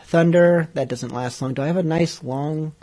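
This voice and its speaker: A man's voice: fairly high pitch, moderate pace, heavy background noise. A man hosting a podcast, chatting casually with rambling, self-deprecating asides. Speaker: podcast host. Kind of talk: casual radio-show chat.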